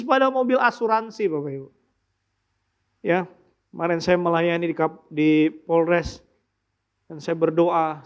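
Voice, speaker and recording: Lively high-voiced man preaching. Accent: Indonesian. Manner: lively, humorous storytelling with sudden loud outbursts and quiet asides. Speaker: pastor. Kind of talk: sermon. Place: church.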